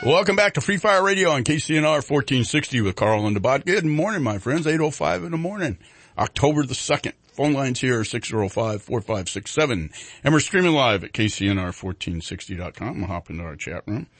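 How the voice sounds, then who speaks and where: A man hosts live talk radio in an ad-libbed morning style. His voice sits at a medium pitch, recorded dry on a studio microphone. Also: animated, fairly quick, fairly bright tone, dry recording. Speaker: radio show host. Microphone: studio broadcast microphone.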